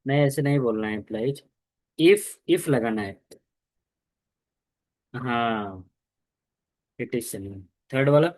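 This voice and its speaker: A male teacher who talks slowly and patiently, stopping to prompt and correct his students. His voice sounds dry and close, with no room echo. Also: medium pitch, a little mellow. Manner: mixes Hindi with English terms. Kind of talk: classroom lesson, guiding students.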